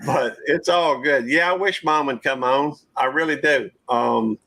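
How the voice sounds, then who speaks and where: A man's voice: mid-range voice, a little slow, vocal fry, pushed and bright. A man, hosting a casual live-stream panel chat in a folksy, rambling drawl. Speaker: channel host.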